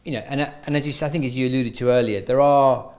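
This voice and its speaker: A man's voice: mid-range voice, steady tone, fast talker, darkish tone. A man interviewing an actor at a film school, asking long, winding questions.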